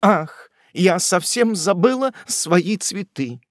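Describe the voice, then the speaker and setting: A man's voice: high-pitched, animated, slow pace, no echo, studio quality, pitched above the performer's own voice. A man voicing a shy, sentimental unmarried middle-aged aunt who speaks coyly, with a fluttering manner, in a storybook reading. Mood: startled.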